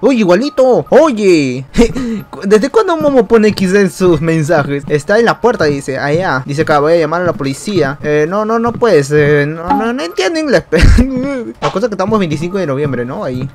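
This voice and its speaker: High-voiced guy rambling over gameplay. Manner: excitable and rambling, laughs often. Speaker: YouTuber. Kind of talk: gameplay commentary. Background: game music.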